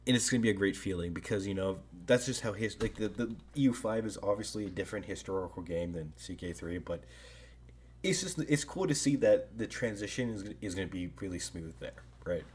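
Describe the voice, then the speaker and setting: A man with a low, husky voice talks through his thoughts in loose, off-the-cuff commentary. He hedges and rambles, often ending a thought with a questioning tag. The delivery is relaxed and unscripted. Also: fairly quick. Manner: rambling, hedging, frequent "right?" tags. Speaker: strategy game commentator. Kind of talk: casual video commentary.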